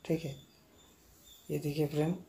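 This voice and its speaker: Walking around the outside and interior of a large mall with his phone, a man gives a casual tour, repeatedly calling the audience friends. His voice is fairly high, creaky, and dark-toned, with little pitch movement and normal speed. A little hiss or hum is audible.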